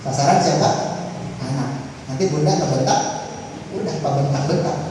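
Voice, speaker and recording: A man's voice: medium pitch, steady tone, moderate pace. A male religious teacher giving a playful parenting talk, quizzing the audience and acting out parent-child dialogue. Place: large echoey school hall. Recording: echoey hall from far off, faint background noise.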